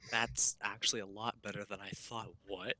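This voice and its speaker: A man's voice: on the low side, flat delivery, normal speed, noisy background. A man playing in a tabletop game, chatting casually, joking and laughing often. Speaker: player.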